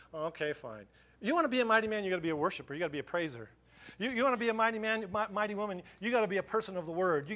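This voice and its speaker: Brief: middle-aged male pastor, high-pitched, fervent sermon delivery with stumbling repeats. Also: a bit bright. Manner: impassioned, repeats words and restarts, chuckles between points.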